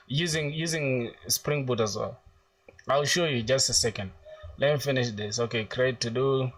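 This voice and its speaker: A man's voice: mid-range voice, recorded from a distance. A young man from South Sudan live-streaming his coding, thinking aloud as he types and reading viewers' chat questions aloud in casual slang. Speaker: coding livestreamer.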